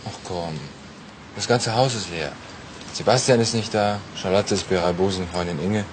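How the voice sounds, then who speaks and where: A man's voice: low voice, moderate pace, noisy background, natural voice. An actor playing a flirtatious, teasing man who coaxes a woman to stay. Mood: coaxing. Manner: teasing, persuasive. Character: charming flirtatious man, a doctor.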